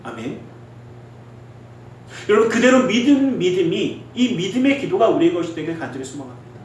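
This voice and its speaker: Man, pastor, earnest sermon, booming church reverb, faint room hiss. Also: animated, quick pace, muffled recording. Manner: earnest, exhorting, swings between loud emphasis and quiet asides. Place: church sanctuary. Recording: very echoey hall, distant mic.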